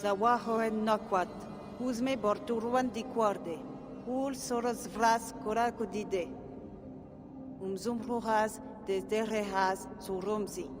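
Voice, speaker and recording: An actress playing a composed, determined explorer on a solo mission in a video game, speaking in a terse, focused way. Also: female voice, medium pitch, a little fast, far from the mic, close to an everyday voice. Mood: slow, solemn. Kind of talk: naturalistic video game voice acting. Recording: long cavernous reverb under loud music.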